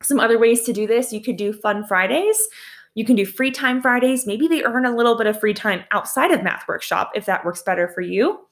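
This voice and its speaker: A woman's voice: on the high side, lively intonation, brisk. A young adult woman teacher explaining how she sets up classroom routines, in a casual, practical way, laughing lightly at her own slips. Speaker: teacher sharing classroom tips. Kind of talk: casual instructional talk.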